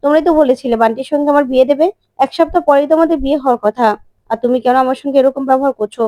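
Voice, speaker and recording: A woman's voice: high-pitched, rapid-fire, warm tone, dry recording, clean studio sound, close to an everyday voice. A woman voicing a naive young girlfriend who complains with indignation, in a TV serial retelling. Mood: indignant.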